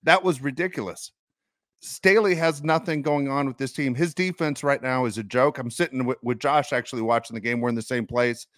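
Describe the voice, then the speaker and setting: A man's voice: medium pitch, fairly quick, a bit bright, no echo, clean studio sound. A man co-hosting a sports podcast, venting bluntly and emphatically about a loss. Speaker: podcast co-host.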